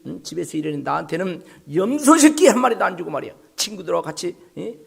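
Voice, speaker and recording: A pastor shouting as a furious elder son. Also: male voice, extremely high pitch, vocal fry, husky, voice pushed up, full character voice. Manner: shouting, indignant. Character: angry resentful elder son confronting his father.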